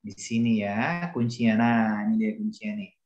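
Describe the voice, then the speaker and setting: A man's voice: lowish voice, moderate pace, darkish tone, reverberant, highs cut off. A male teacher giving a grammar lesson, explaining patiently, repeating examples and calling on students by name. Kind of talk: classroom lesson.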